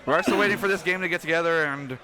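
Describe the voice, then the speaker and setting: A man's voice: on the high side, a loud crowd. A man casting an esports event at a studio desk, joking and bantering playfully with his co-caster. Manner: joking, playful, quick asides. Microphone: desk microphone.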